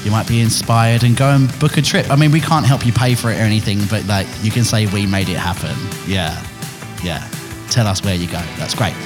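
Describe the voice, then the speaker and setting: A man's voice: on the low side, fairly quick, music in the background. A man with an Essex accent, hosting a podcast in casual, jokey chat with guests around a table. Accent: Essex English. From England. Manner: chatty, jokey, playful. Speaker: podcast host.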